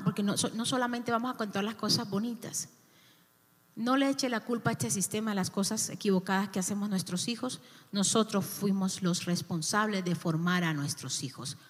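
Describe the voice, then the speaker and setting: A woman's voice: medium pitch, in a large hall. A woman, a youth pastor preaching a sermon in a church, with impassioned, emphatic repetitions.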